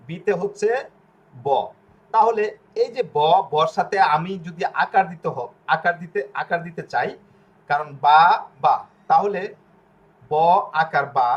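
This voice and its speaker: A patient male tutor with a slightly high voice, drilling syllables one by one. He asks short checking questions as he goes, and the recording sounds dull and lo-fi. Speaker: language teacher. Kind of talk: explaining pronunciation step by step.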